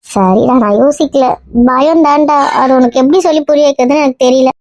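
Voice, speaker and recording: A woman playing a fretting aunt, high and fast. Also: a little mellow, dry recording, lightly acted. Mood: worried. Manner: anxious, pleading. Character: worried aunt of the groom. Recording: muffled lo-fi sound.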